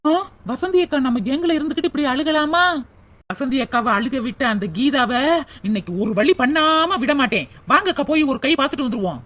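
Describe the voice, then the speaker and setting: A woman's voice: sits high, expressive, a little fast, fairly bright tone. A woman voicing a feisty, combative young woman in a cartoon comedy. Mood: fired up.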